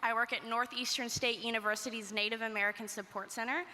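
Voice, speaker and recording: A woman pageant contestant introducing herself formally and in measured tones. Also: on the high side, fairly even intonation, sharp tone. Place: event hall stage. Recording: reverberant hall.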